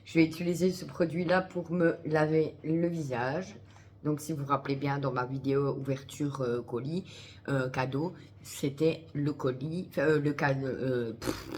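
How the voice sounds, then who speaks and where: Low-voiced chatty woman. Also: steady tone, normal speed, a little mellow, slight background noise. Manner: chatty, swears freely, talks aside to someone off camera. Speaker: vlogger. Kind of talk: casual chat to camera. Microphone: headset.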